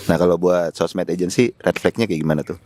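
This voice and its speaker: Very deep-voiced man, casual podcast host. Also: a little fast, a little mellow. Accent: Jakarta Indonesian. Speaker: podcast host interviewing a guest. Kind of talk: casual conversational interviewing.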